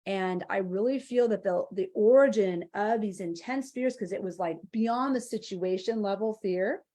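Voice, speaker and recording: A woman appears as an angel mentor guest on a live spiritual interview, her mid-range, dark-toned voice moving at normal speed. She speaks earnestly and from the heart in long, flowing phrases.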